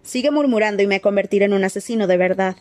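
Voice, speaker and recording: A woman's voice: medium pitch, quick pace, darkish tone, dry recording, lightly acted. Sirius, a woman playing a cold scornful man.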